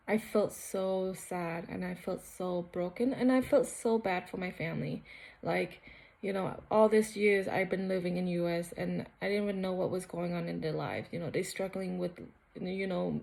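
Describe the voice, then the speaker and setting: A woman's voice: lowish voice, creaky. A young woman from Cambodia sharing her personal faith testimony in a casual, earnest, rambling way with many fillers. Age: young adult.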